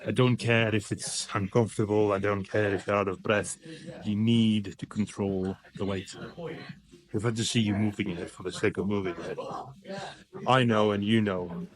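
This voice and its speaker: A man's voice: lowish voice, level tone, moderate pace, crowd noise. A young man giving blunt, rambling gym coaching in a casual vlog, sometimes out of breath between sets. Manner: blunt, instructive, rambling with restarts. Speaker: fitness vlogger. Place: indoor gym.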